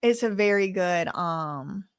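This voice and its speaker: Slow yet animated, with a smooth mid-range voice, the Louisiana woman hosts a casual live stream, handling viewer messages in a colloquial, sassy way. The recording is dry and studio quality.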